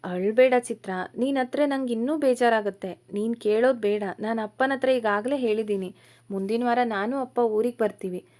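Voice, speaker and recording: A woman voicing an affectionate young male college student who speaks gently and reassuringly in a storybook reading. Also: a little high, a little fast, natural voice.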